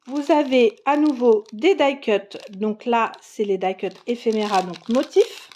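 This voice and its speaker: Unhurried woman, slightly high voice, chatty craft vlogger, lots of fillers. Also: warm tone. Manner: chatty, frequent fillers and restarts, enthusiastic. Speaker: craft vlogger showing scrapbooking supplies. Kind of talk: casual product show-and-tell.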